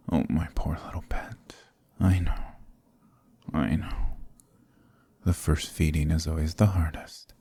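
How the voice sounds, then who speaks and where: A man playing a centuries-old, possessive and sadistic vampire lord in an intimate ASMR roleplay, husky and often whispering, with a commanding, condescendingly tender manner. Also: rumbling low, warm tone, no echo, heavily acted.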